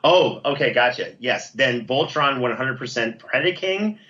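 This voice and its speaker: As an interview guest, a podcast producer chats casually, joking playfully while he talks things through. His mid-range voice is animated, pushed and bright but unhurried, and the recording sounds dull.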